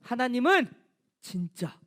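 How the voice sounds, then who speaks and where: High-voiced pastor preaching to children. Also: female voice, takes it slowly. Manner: animated, question-and-answer storytelling to children. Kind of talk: children's sermon.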